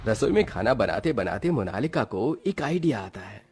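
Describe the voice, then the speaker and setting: A man narrating a cartoon story as a lively storyteller. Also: lowish voice, moderate pace, slightly rough.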